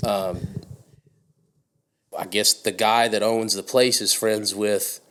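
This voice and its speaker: Laid-back low-voiced man from Canada. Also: steady tone, takes it slowly, a bit bright, a little hiss or hum. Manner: loose storytelling with many fillers. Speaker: guest musician. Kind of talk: casual interview chat. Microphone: podcast studio mic.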